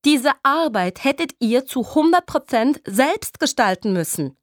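A woman's voice: high-pitched, animated, a little slow, no room sound, studio quality, voice pushed up. A woman voicing a strict female schoolteacher, speaking in precise, stern tones. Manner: stern, precise teacherly diction.

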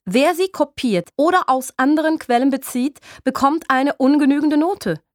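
A woman's voice: high-pitched, normal speed, no echo, studio quality, pitched above the performer's own voice, lightly acted. A woman voicing a strict female schoolteacher, speaking in precise, stern tones. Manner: stern, precise teacherly diction.

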